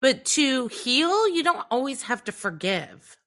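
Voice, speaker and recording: A woman co-hosting a podcast talks candidly and casually, swearing freely and leaning on fillers like "like" and "um". Her voice is high, a bit bright, very animated, and a little slow.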